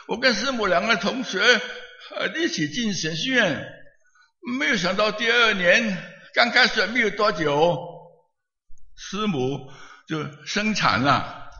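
A male pastor with a very bright, forward voice that sits a little high. He tells his sermon as an animated story with chuckles along the way. The sound comes from a roomy hall with a long echo and a slightly dull, muffled recording.

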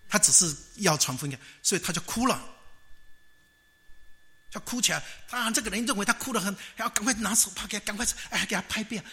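Lively male preacher with a bright, slightly high voice. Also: quick pace. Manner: lively storytelling, rhetorical questions. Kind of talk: storytelling sermon.

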